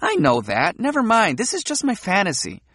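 A man's voice: sits high, normal speed, dry recording, studio quality, pitched above the performer's own voice, heavily acted. A man reading an audiobook, voicing a frank, playful young woman who teases and provokes. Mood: dreamy, playful. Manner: teasing, provocative, animated.

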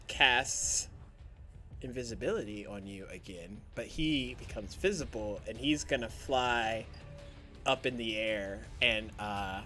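A man serves as game master for a tabletop role-playing session, narrating combat in unhurried, loose phrases. His voice is bright and forward. He takes his time over each description. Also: fairly low pitch, faint music behind. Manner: relaxed, describing the action in loose, halting phrases.

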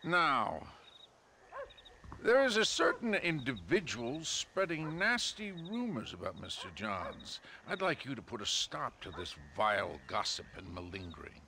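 A man playing a scheming, smooth-talking older political fixer in a western video game, pompous and theatrical. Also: medium pitch, wildly swooping pitch, measured pace, sharp tone, slight background noise, heavily acted.

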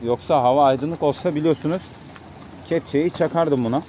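A man's voice: a little high, moderate pace, warm tone. Man coaxing pigeons, outdoor noise. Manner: coaxing birds with repeated calls. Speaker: pigeon keeper vlogger. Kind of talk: casual vlog talk to viewers. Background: cooing pigeons.

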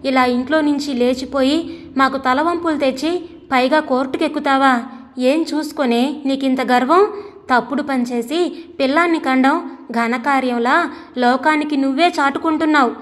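A woman's voice: high-pitched, big-room sound, natural voice. A woman reading the lines of a proud, stern older father who talks scornfully, in a storybook reading. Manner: scornful, mocking.

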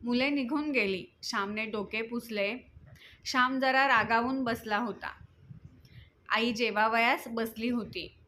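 Slow-reading woman storyteller. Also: a little high, bright, forceful tone, slight background noise. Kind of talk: reading a moral children's story aloud.

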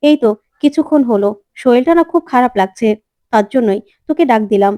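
Scheming young woman feigning illness, read by a woman; whiny, high, dry. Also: animated, fairly quick, mellow, dry recording, natural voice.

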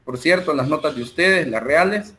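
In an online math class, a man with a Salvadoran Spanish accent speaks in a slightly high, animated voice. He takes his time with the calculations and the spreadsheet, going step by step and leaning on frequent fillers while working in the software.

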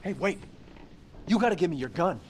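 Actor as tense game lead, young man, pleading then snapping, pitch swinging up and down. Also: lively intonation, noisy background, close to an everyday voice. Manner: urgent, swearing, pleading. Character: young male protagonist, stressed and desperate.

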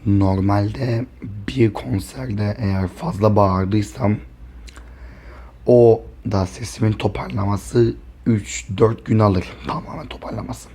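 A hoarse man chatting casually to camera in a vlog, talking softly and rambling to spare his voice. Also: fairly low pitch, steady tone, slow. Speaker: vlogger.

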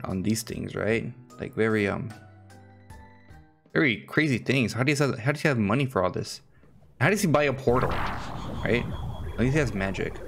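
Chatty young man commenting on gameplay. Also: medium pitch. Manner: chatty, excitable, slangy, talks to himself. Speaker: gaming commentator.

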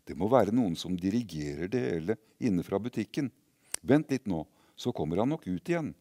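A man's voice: lowish voice, animated, mellow, dry recording. A man voicing a crowd of exclaiming, slightly sceptical grown-ups watching a shop window in a story. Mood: amazed. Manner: exclaiming, chattering, a bit sceptical. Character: crowd of amused grown-up onlookers.

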